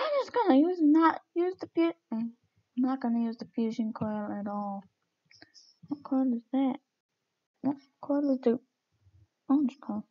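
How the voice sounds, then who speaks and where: A woman's voice: on the high side, muffled recording. A woman streaming her gameplay, chatting casually and mocking herself with giggles as she plays.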